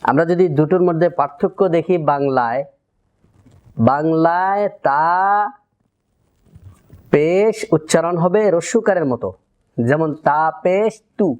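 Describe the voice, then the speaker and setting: A man teaching Quran pronunciation in a methodical tajweed lesson, repeating syllables deliberately for learners to copy. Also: fairly high pitch, darkish tone. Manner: drills letter sounds, repeats syllables deliberately.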